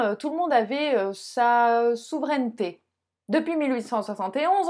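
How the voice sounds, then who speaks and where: A young woman giving a casual video lesson on Italian, chatty and joking, speaking straight to the viewer. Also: a little high. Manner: chatty, jokey, addresses viewer directly. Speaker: Italian teacher.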